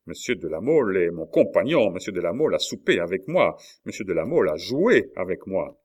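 A guy voicing a rash young swordsman, blustery, loud. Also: low-pitched, big pitch swings, brisk. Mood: blustering. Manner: blustering, exclamatory. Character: hot-blooded young nobleman, rash swordsman.

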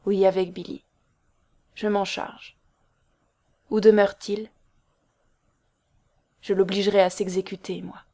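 A woman's voice: mid-range voice, level tone, a little slow, pauses often, mellow. Casting: woman reading an insistent, agitated young man in a storybook, stern and pressing.

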